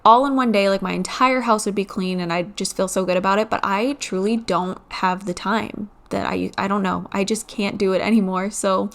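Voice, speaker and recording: A woman's voice: medium pitch, steady tone, normal speed, gravelly, few pauses, a bit bright. A woman in her thirties talking candidly about home cleaning in a casual vlog voice-over, a little weary.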